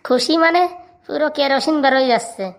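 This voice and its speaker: A woman's voice: high-pitched, quick pace. A woman voicing a cheeky young male hawker's assistant in a comic cartoon, chatty.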